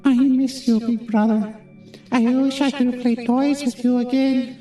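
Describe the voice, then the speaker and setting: Tiny, ghostly child spirit, very high. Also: male voice, flat delivery, a little slow, warm tone, reverberant, soft background music. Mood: wistful. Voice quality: thin, ghostly voice.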